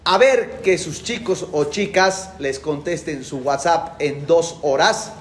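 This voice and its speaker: A middle-aged university lecturer, his voice on the high side and slow, gives a classroom lecture in a colloquial, emphatic style, repeating his key phrases. The room is echoey, with slight background noise.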